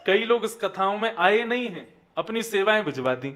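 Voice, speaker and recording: Young male preacher, high voice, emphatic sermon delivery that falls soft at line ends. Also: expressive. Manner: sermon delivery with rising emphatic lines and soft dropped endings; chants verses slowly in song.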